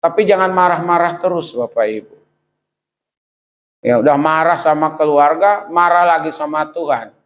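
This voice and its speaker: A middle-aged man preaching a sermon, addressing the congregation directly with rhetorical questions and swinging between high pleading exclamations and low quiet asides. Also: moderate pace, rough recording. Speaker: pastor.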